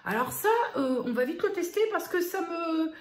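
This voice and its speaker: A woman vlogger chatting casually as she reads out product labels, often pausing with fillers. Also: very high-pitched, lively intonation, reverberant. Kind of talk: casual vlog unboxing.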